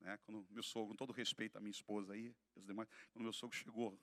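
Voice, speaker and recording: A man with a Brazilian Portuguese accent preaching a fiery church sermon as pastor, shouting key lines and then dropping low and quiet. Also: level tone, quick pace, no echo, big-room sound. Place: church hall.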